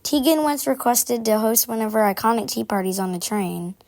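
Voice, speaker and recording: A woman's voice: on the high side, animated, fairly quick, vocal fry, darkish tone. A woman voicing a prim, busy, gossipy game character who confides in formal phrasing, aloof but chatty. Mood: gossipy, confiding. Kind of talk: scripted character monologue.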